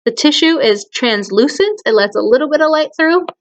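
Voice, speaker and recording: Brisk and high-voiced, a woman teacher reads poems to children with lively intonation, explaining things and often questioning her young listeners. The sound quality is lo-fi.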